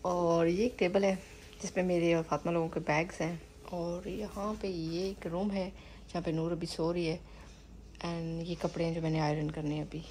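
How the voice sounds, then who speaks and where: Filming a travel vlog indoors in a hotel apartment, this vlogger, a woman from Pakistan in her thirties, talks casually and mixes English into her speech. She has a lowish, darkish voice, speaks at a moderate pace, and keeps her delivery flat. There's a little hiss or hum from the distant phone mic.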